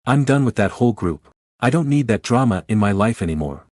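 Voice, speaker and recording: A man narrating a first-person online story in a steady, blunt way. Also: on the low side, brisk, dry recording, studio quality.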